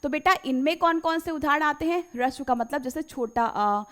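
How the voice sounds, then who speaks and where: A woman's voice: high-pitched, moderate pace, a bit bright. A woman teacher giving an exam-prep grammar lesson, repeating key phrases and quizzing her pupils, whom she fondly calls children.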